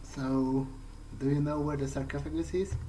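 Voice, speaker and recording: A man hosting a let's play speaks in character, musing and hesitant in a conversational roleplay. His fairly high, mellow voice stays level at a moderate pace; the rough recording has slight noise and faint game soundtrack music behind it.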